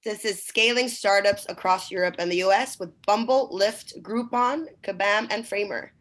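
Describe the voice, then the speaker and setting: A woman's voice: medium pitch, normal speed, fairly bright tone. A woman opening an online panel with brief, businesslike announcements. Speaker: event host. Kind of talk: event introduction.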